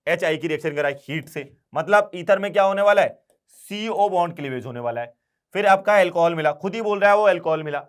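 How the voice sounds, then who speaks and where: High-pitched guy teaching chemistry, quick questions, keeps pushing the class to answer fast. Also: smooth. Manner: brisk, urging students with quick questions. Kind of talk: exam problem-solving lesson.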